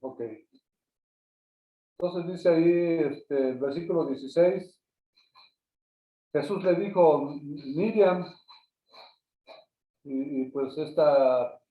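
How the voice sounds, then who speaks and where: Distant, tinny, echoey man teaching scripture. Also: on the high side. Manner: halting, repeats words, frequent "¿no?" tags. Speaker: pastor teaching a Bible class. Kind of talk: Bible study lecture. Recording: echoey, distant, phone-like sound.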